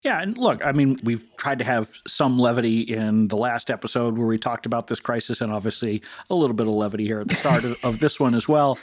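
A man's voice: mid-range voice, no room sound. Dry-humored man podcast co-host. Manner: dry, joking, measured. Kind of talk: casual podcast chat.

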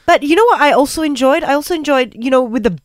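A woman's voice: high voice, lively intonation, fast, dry recording, studio quality. A woman co-hosting a radio breakfast show, talking in an earnest, reflective way with many fillers. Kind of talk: casual radio chat.

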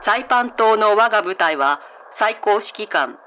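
A male announcer reading as a 1940s wartime radio news announcer, in a slow, measured and formal official manner, sounding like an old wartime radio broadcast. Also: sits high, animated, sharp tone, clean tone. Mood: solemn. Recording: dull lo-fi radio sound with faint hiss.

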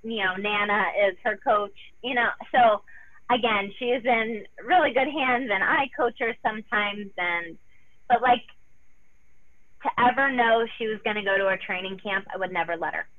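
A woman in her thirties, a former gymnast guest, talking haltingly with many restarts and sounding close to tears. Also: mid-range voice. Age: 30s. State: tearful. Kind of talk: emotional personal interview. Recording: tinny phone line.

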